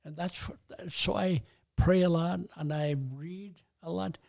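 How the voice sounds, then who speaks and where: Very old man, slow and gravelly. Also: sits high, steady tone, a little mellow. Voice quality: very old man's voice, gravelly and husky. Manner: halting, pausing to think. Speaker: podcast guest, retired pastor. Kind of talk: reflective interview talk.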